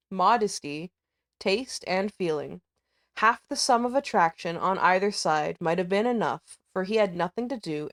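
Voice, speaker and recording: Woman reading classic fiction aloud. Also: fairly low pitch. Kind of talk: audiobook-style literary narration.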